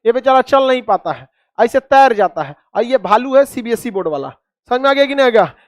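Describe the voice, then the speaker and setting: A man's voice: very high-pitched, expressive, a little fast, no echo, studio quality. A man teaching a class, quizzing students with repeated questions and cracking jokes. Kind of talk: classroom lecture with call-and-response.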